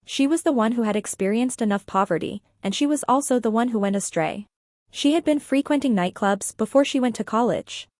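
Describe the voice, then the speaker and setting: A woman narrating an audiobook story in the first person, in an even, matter-of-fact manner. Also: fairly high pitch, fairly quick, no echo, studio quality.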